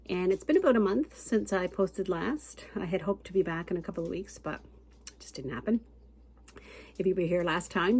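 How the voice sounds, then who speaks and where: Middle-aged female crafting host with a cold, somewhat low voice, casual and homey with fillers. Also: darkish tone. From Canada. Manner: chatty and homey, with frequent fillers and light laughs. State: has a cold, sucking on a cough drop. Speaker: cross-stitch and quilt pattern designer, channel host. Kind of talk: casual chat to camera.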